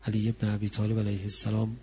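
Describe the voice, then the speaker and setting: A man preaching a religious sermon that rises into a chanted mourning lament, moving from soft, close talk to high, loud wailing. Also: monotone, slight background noise. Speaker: preacher reciting a mourning recitation.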